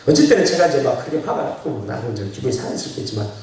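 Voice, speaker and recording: A male pastor preaching a sermon in a church, chatty and folksy, laughing often and swinging from quiet asides to shouted exhortation. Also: mid-range voice, sing-song, very fast, slight background noise. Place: church sanctuary. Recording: very echoey church hall, preacher heard from far off.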